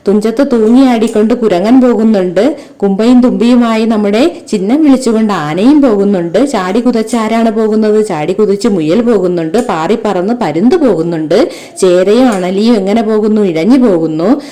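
A woman's voice: mid-range voice, normal speed, dark tone. A woman teacher reading a textbook lesson aloud to young children. She reads rhythmic verse, then asks the children simple questions and addresses them fondly. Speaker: primary school teacher.

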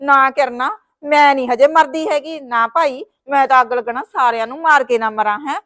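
A worried, theatrical sister-in-law with a high voice and a Punjabi accent, given to wailing and nagging advice. The acting is plain and homely, in the way of a village short film, with a woman playing her. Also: normal speed, fairly bright tone. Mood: fretful. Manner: dramatic wailing, scolding. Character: fretful sister-in-law caring for her brother's wife.

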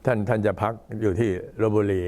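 An old man, a Buddhist monk, giving an informal talk to temple visitors in an unhurried, halting way. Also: lowish voice, flat delivery, dark tone. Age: older. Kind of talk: informal talk, recounting temple history and announcements.

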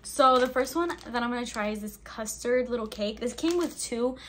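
Young woman vlogger, slightly high voice, bubbly and chatty, filler-heavy casual talk. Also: normal speed, slight background noise. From Albanian heritage. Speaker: vlogger reviewing snacks. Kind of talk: casual chat.

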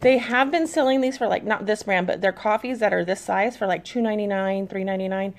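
A woman's voice: mid-range voice, quick pace. A woman in her thirties, a mom chatting casually to camera about her shopping haul, easygoing and reading labels aloud.

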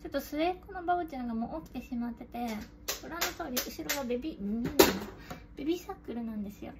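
Racing along in a high voice with lively intonation, a young woman with a girlish anime-style sound talks casually to camera while unboxing for her vlog. She's filming in a room at home, and rustling and clicks make the recording noisy.

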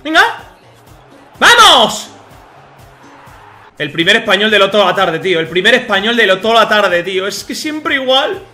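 A man with a Spain Spanish accent doing live football video game commentary as a streamer, swinging between muttering and shouting, swearing and talking to himself and his viewers. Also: sits high, sing-song, normal speed, long pauses. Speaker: gaming streamer. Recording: echoey room with music behind.

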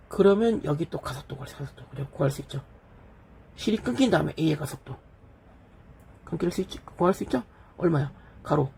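A man's voice: on the high side, creaky, a little mellow, breathy edge. A middle-aged man teaching physics, working through an exam problem at the board and checking in with his students again and again. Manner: keeps checking in with "됐죠?" and "그죠?"; talks while writing on a board. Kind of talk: lecture solving an exam problem.

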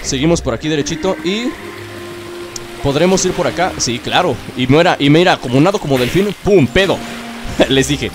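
A young man, chatting excitedly as he plays through a video game and cheers himself on. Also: fairly high pitch, moderate pace. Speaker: gaming YouTuber. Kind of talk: let's play commentary. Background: game music.

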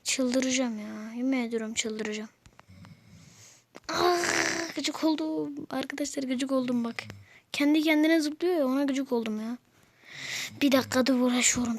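A woman's voice: sits high, normal speed, a little hiss or hum. A woman giving casual gameplay commentary to her followers, grumbling and exasperated at the game. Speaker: gameplay video maker.

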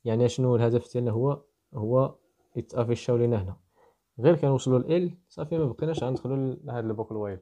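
A man with a Moroccan Arabic accent races through a programming lesson for students in a mellow, medium-pitched voice. He thinks aloud as he takes the code step by step.

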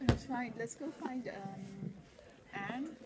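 A woman's voice: a little high, slow pace, heavy background noise. A woman vlogging a fabric shopping meetup, chatting and teasing people with playful questions. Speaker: vlogger and interviewer. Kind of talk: casual chat. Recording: loud crowd chatter behind.

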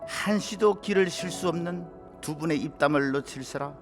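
A man's voice: fairly high pitch, normal speed. A man reading scripted comic narration in a mock-sentimental manner. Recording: music behind voice.

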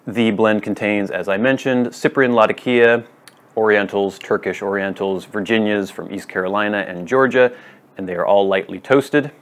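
Low-pitched man giving a measured review. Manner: measured, deliberate, listing points in short phrases. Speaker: pipe tobacco reviewer. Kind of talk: casual product review to camera. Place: wood-floored room at home, indoors.

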